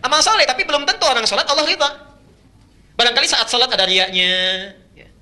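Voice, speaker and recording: A man's voice: very high-pitched, very animated, fast talker, bright, forceful tone. A man preaching an Islamic sermon, emphatic, repeating key phrases and chanting Quranic verses.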